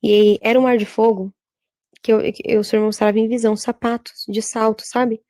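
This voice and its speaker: A woman, a church worker giving a religious testimony in a halting, repetitive way. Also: on the high side, flat delivery, warm tone, no room sound. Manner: halting, repetitive, frequent filler tags.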